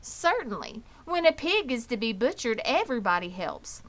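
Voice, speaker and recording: A woman's voice: on the high side, big pitch swings, normal speed, a bit bright, voice pushed up. A woman voicing a grim, knowing old female sheep in a children's storybook, blunt and snappish. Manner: matter-of-fact, snappish. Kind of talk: children's storybook character reading.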